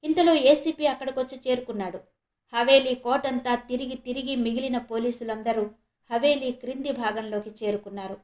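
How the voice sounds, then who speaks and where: A woman from India reading a serialized horror novel aloud as a storyteller, steady and dramatic. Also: a little high, normal speed. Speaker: storyteller, channel host. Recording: roomy echo.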